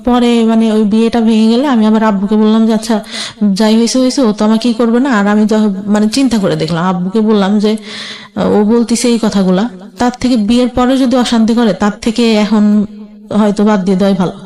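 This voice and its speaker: A woman with a Bangladeshi accent, appearing as a guest in a conversation, tells her life story and colloquially recounts who said what, quoting the exchanges in casual speech. Her voice is on the high side and dark in tone, steady and fairly quick.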